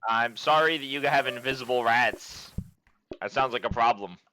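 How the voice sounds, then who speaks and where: A man chatting casually while playing a cooking game with friends, joking in a dry, mock-deadpan way. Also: medium pitch, moderate pace, a little hiss or hum, low-quality recording. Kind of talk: casual gaming chat.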